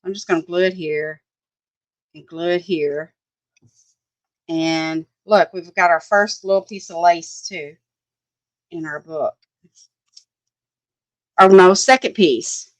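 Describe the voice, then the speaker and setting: A woman's voice: on the low side, slow pace, long pauses, no echo, poor audio. A woman, chatting casually as she works on a craft project, thinking aloud, often laughing, and answering viewers' comments. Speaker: crafting livestream host.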